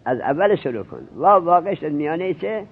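A man teaching grammar, firing questions at his students and walking them through each rule. His voice sits a little high for a man. The sound is thin and narrowband, like an old phone line. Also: sing-song, creaky. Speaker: seminary teacher. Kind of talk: Arabic grammar lesson in Persian. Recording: tinny lo-fi narrowband recording.

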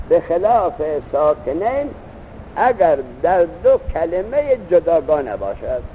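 A man's voice: on the high side, warm tone, slight background noise. A man teaching a seminary grammar lesson, reciting Arabic text and then explaining it patiently. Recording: dull lo-fi recording.

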